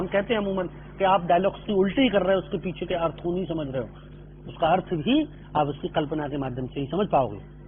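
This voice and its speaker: A middle-aged man lectures on acting in a patient, explaining way, dropping English terms into his talk. His voice sits high for a man. The sound is narrow and phone-like, with a faint hum behind it. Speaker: drama lecturer. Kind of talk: spoken lecture. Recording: tinny phone-line audio with faint hum.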